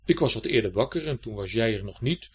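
A man's voice: mid-range voice, animated, quick pace, breathy edge. A man voicing a lazy, sulky old male Winter with an icicle beard in a storybook, grumbling and mumbling. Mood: excusing.

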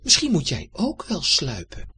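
Bright, eager storybook tomcat, put on by a man: high and lively, with a husky breathy edge and a slightly distant sound. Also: exaggerated voice. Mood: enthusiastic. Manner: high, excited and quick. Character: eager chatty male garden cat.

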